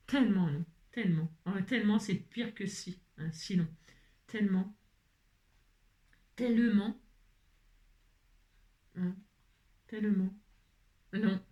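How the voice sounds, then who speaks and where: A chatty woman talks her way through a craft project, half to her viewers and half to herself. She mutters as she works, teases herself and laughs often, at an ordinary middle pitch. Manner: chatty, self-mocking, muttering to herself while working. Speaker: craft vlogger. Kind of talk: casual chat while crafting.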